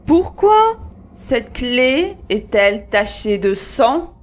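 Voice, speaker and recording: A woman's voice: on the high side, very animated, very slow, full character voice. A woman voicing a cruel murderous husband who gives cold, commanding orders in a fairy-tale reading. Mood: menacing.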